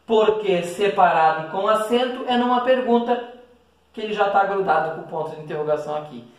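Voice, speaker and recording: A man's voice: sits high, brisk. A man with a Brazilian Portuguese accent, teaching a recorded class and checking in with his students after every point. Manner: explains step by step with frequent "certo?" and "beleza?" checks. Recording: echoey room, distant mic.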